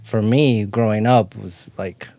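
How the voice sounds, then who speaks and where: A man's voice: lowish voice, measured pace, dark tone. A man born in Mexico and raised near Chicago, a native Spanish speaker, chatting in a laid-back way with lots of laughs and fillers. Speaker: guest artist in residence. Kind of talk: casual chat. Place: podcast studio.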